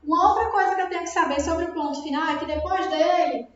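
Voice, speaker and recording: A woman's voice: extremely high pitch, fast. A woman with a Brazilian Portuguese accent, teaching a grammar lesson and often checking understanding with tag questions. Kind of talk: recorded classroom lesson. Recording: very echoey room, dull sound.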